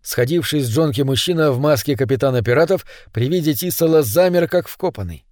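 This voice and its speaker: A man reading an audiobook as narrator in an even storytelling manner. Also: a little high, a little fast, no room sound, clean studio sound.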